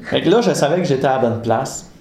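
A man with a Quebec French accent telling a personal story casually, animated, often laughing and acting out conversations. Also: medium pitch, fast talker, a crowd in the background. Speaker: guest giving a testimony. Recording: roomy with faint ambience.

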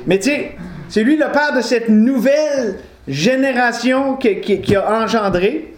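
High-voiced preacher in a roomy hall. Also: male voice, a little slow. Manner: conversational, digresses with humor and self-correction. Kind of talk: informal sermon to a live congregation. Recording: roomy echo.

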